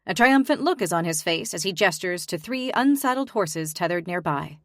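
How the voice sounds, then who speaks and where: A woman's voice: on the low side, animated, normal speed, no echo, studio quality. A young woman giving emotional, weary first-person audiobook narration. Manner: emotional, weary, introspective delivery.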